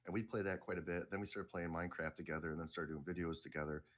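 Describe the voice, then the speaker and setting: Deep-voiced rambling middle-aged man. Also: fairly even intonation, fast, fairly bright tone. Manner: rambling, self-correcting, laid-back. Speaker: guest. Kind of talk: casual interview talk.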